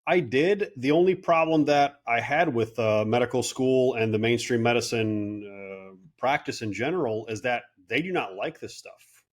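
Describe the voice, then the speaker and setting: Guest, man, late 30s, casual and animated, mid-pitch, acts out quotes. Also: moderate pace. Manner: animated storyteller, quotes people in voices. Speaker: guest, clinic owner. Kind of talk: casual interview talk.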